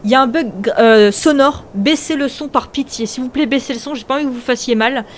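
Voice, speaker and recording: A young woman hosting a video game, commenting excitably, often shrieking and laughing. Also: sits high, brisk, slight background noise. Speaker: gaming video host.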